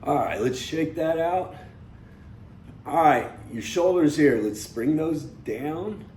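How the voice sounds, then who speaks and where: A young man's slightly high, darkish voice moves slowly with lively intonation as he instructs a seated workout. Casual and candid, he often says "you know"; the audio sounds roomy with faint noise.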